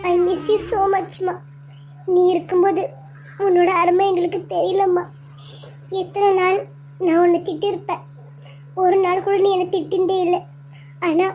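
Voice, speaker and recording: A woman's voice: high-pitched, a bit bright, a little hiss or hum. A woman voicing Usha, a whiny little sister. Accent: Tamil. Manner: pleading, melodramatic fake crying. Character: mischievous whiny younger sister, young woman. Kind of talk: cartoon voice acting.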